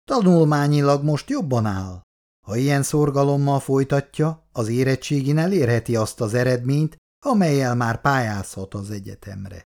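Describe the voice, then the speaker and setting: A man's voice: medium pitch, expressive, darkish tone, lightly acted. A man reading aloud as a formal, probing schoolteacher.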